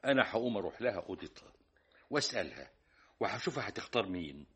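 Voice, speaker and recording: A calm, fair-minded Egyptian father in a radio play. His husky voice rises and falls a lot. He talks quickly, weighing things with mild doubt. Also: lowish voice, heavily acted. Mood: measured. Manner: measured, mildly skeptical.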